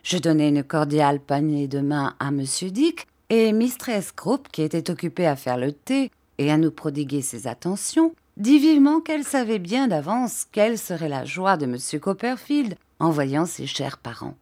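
A woman narrates a classic novel for an audiobook. Her voice sits fairly low, yet it moves with wide, lively swings of pitch as she tells the story. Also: normal speed, few pauses. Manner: expressive, animated reading. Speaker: audiobook reader.

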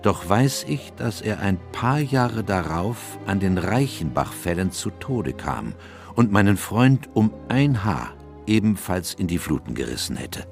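Low-voiced, weary old doctor narrating. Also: male voice, big pitch swings, unhurried, creaky, faint music behind, exaggerated voice. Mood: solemn. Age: older. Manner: solemn, reflective. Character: aged doctor Watson, weary melancholy chronicler of his friend's cases. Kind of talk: literary radio drama narration.

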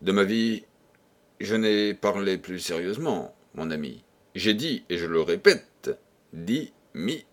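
A man's voice: low-pitched, animated, takes it slowly. A man reading the part of a curt, commanding young viscount in an audiobook. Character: haughty young male viscount giving orders.

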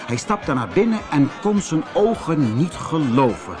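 A man narrating a children's story in an expressive, animated reading. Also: on the high side, measured pace, over music.

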